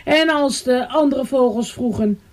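A woman reading a children's story aloud, expressive and sing-song. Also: high-pitched. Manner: slow, lively and sing-song.

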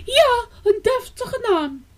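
A woman voicing a proud, fussy mother house sparrow in a storybook reading, speaking in a high, prim voice. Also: big pitch swings, takes it slowly, full character voice. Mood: proud eager.

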